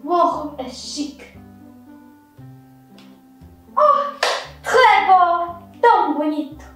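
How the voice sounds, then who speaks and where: A woman's voice: extremely high pitch, sing-song, very slow, a bit bright, exaggerated voice. A woman playing a flamboyant, haughty, scatterbrained French hairdresser in a children's skit, theatrical, with a French accent and French words mixed in. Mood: fussy, delighted. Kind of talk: children's pretend-play skit. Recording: echoey room, distant mic, music behind.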